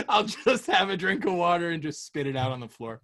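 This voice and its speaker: An American podcast host from Florida chats in a casual, comedic interview, joking and playful throughout. His voice is high, sing-song and a bit bright, moving at normal speed.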